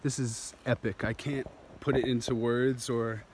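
A man's voice: medium pitch, level tone, measured pace, noisy background. A man in his thirties talking into a handheld phone while hiking down a steep jungle trail, enthusiastic and rambling, laughing often. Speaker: vlogger. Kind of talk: walking vlog narration. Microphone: phone camera held at arm's length.

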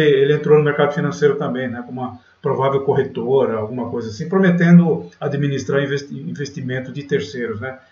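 A Brazilian man hosting a day trading channel chats over a screen recording of market charts, his medium-pitched voice slightly mellow. He is filler-heavy, constantly saying "galera" and "né", and the lo-fi mic sounds dull, roomy and distant.

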